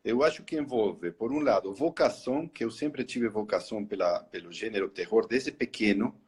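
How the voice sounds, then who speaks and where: Speaking over a video call as a live interview guest, this middle-aged man from Argentina has a low-leaning, husky voice and a moderate pace. Spanish is his first language and his accent is Argentine Spanish. He recounts his story haltingly, starting phrases over and often adding "né?".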